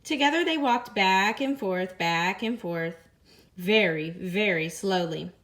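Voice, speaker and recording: A female teacher reads a picture book to her class with lots of expression, her voice at a medium pitch. She slows on the repeated phrases and raises her voice for the characters' lines in this read-aloud story.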